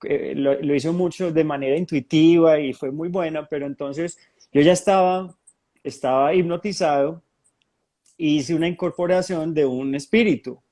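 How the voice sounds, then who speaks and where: A man giving a talk at a spiritist centre, telling his experiences as a hypnotherapist in a lively, storytelling way with frequent restarts. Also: on the high side, normal speed. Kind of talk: testimonial talk to an audience.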